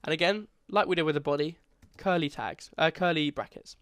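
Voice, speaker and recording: Walking viewers through a beginner coding lesson in a screen-recorded tutorial, a young coding tutor with a stuffy, congested voice keeps it loose and chatty, restarting phrases and correcting himself often. He speaks briskly in a fairly bright voice a little high for a man. The sound is dry and close, with no room sound or echo.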